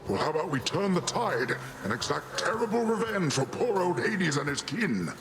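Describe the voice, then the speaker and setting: An actor playing a flamboyant, excitable god in a video game, dramatic and exclamatory. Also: male voice, a little high, normal speed, very noisy. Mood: excited, vengeful. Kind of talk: video game character acting.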